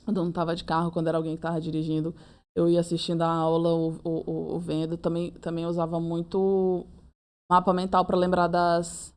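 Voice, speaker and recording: This is a young woman being interviewed. She tells her story in a casual, lively way. She keeps slipping into acted-out quotes of her own and other people's words. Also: fairly low pitch. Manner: animated, acts out her own and others' lines in quick reported speech. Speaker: interviewee, approved medical student.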